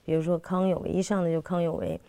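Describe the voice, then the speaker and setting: A woman who works as a theatre director and playwright, recounting her work in a lively, conversational way with frequent restarts and fillers. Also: on the low side, fast talker, clear, resonant tone.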